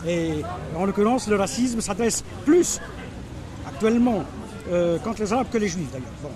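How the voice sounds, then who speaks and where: High-voiced man, crowd noise behind. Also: expressive, moderate pace. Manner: hesitant, repeating words. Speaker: interviewee. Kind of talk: documentary interview.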